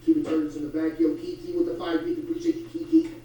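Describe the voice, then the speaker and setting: A high-pitched man plays a border guard over his game, teasing the people he checks and laughing with his chat. He is heard from well back from the mic, and the room rings with a strong echo. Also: sing-song, very fast, dark tone, slight background noise. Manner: playful, teasing, laughs often, talks to chat. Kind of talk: casual gameplay commentary with mock-official role-play. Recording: very echoey room, mic far off.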